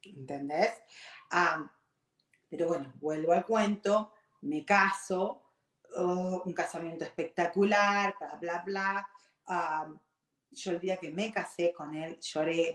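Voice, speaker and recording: A middle-aged woman with an Argentine accent telling a personal story to her audience in a candid, confiding way, slipping in English words. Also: on the low side. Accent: Argentine Spanish. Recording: echoey room.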